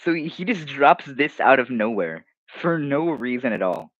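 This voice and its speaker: A man's voice: mid-range voice, big pitch swings, moderate pace, a bit bright, no room sound, dull audio. A teenage streamer, casually reading comments aloud and mocking them, often restarting his sentences.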